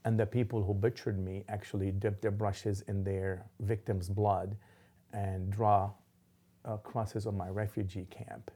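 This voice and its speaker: A middle-aged Lebanese man, an imam, is a guest in an interview. His voice is lowish, husky and dark with a level tone, and he speaks haltingly with frequent ums and restarts.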